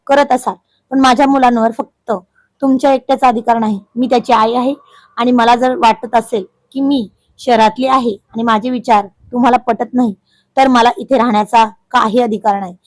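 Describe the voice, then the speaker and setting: A sharp, accusing young wife from the city, hurt and close to tears, as a woman storyteller voices her. The voice sits fairly high, and it is recorded dry and close with no room around it. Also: steady tone, moderate pace, dry recording, lightly acted. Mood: defiant.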